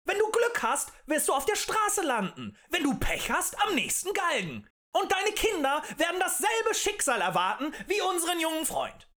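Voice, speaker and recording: A man voicing a fiery male demagogue who rants and shouts at a tavern crowd in an audiobook. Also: very high-pitched, wildly swooping pitch, moderate pace, hardly any pauses, voice pushed up, full character voice. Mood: ranting. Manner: ranting, shouting, rhetorical and accusing.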